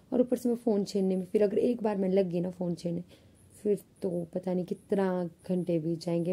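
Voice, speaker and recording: Husky-voiced young woman vlogging. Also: lowish voice, mellow. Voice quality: husky, slightly rough voice. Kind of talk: casual vlog chat.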